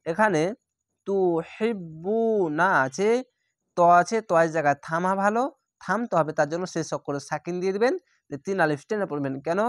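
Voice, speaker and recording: A man's voice: high-pitched, dry recording, clean studio sound. A man teaching Quran reading, spelling out syllables one by one and stretching recited words very long. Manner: slow, drawn-out spelling of syllables.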